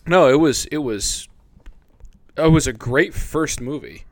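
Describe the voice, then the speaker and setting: A man co-hosting a casual chat over a remote call, blunt, opinionated and quick to swear. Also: medium pitch, animated, dry recording. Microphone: remote call with a mute button.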